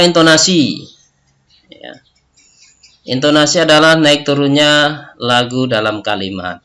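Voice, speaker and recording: A man's voice: medium pitch, bright, forceful tone. A male teacher giving a recorded lesson, explaining step by step and tagging his sentences with a questioning "ya". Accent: Indonesian.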